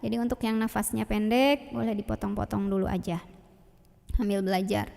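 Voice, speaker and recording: A woman teaching Quran recitation, patiently modeling and repeating each Arabic sound slowly. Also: mid-range voice, fairly even intonation, vocal fry, darkish tone, big-room sound. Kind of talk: tajwid pronunciation lesson.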